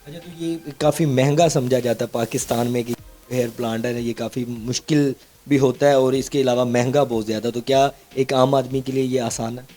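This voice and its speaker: A man's voice: medium pitch, steady tone, a little fast, mellow, soft background music. A man with a Pakistani Urdu accent, hosting a show and interviewing staff at a clinic, talking casually and turning to address viewers. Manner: conversational, addresses viewers directly. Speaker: interview host. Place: skin clinic.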